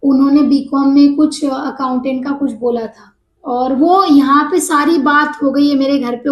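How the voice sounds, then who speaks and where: A woman casually telling a personal story to camera, animated and mixing English words into her speech. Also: high-pitched, reverberant, poor audio.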